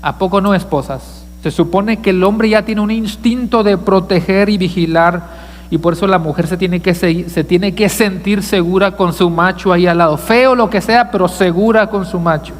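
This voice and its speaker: A man's voice: high voice, normal speed, long reverb tail. A male pastor preaching a sermon, asking the congregation questions and joking with them. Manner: asks the congregation questions, jokes with listeners. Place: church sanctuary.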